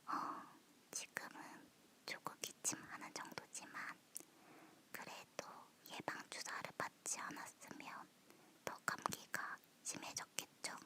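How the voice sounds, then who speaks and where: A woman chatting in a soft, close ASMR whisper, as if leaning in to the listener. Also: takes it slowly. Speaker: ASMR host. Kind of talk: whispered ASMR personal chat.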